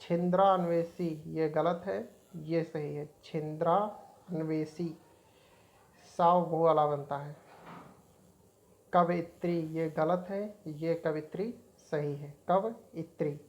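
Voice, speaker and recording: A woman's voice: low voice, steady tone, takes it slowly. A woman teaching an exam-prep spelling lesson, repeating each word as she points out right and wrong forms.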